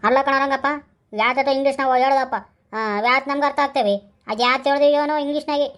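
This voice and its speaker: Woman as male village neighbor, chiding, earnest, high voice, quick delivery, comic skit. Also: steady tone, fairly bright tone.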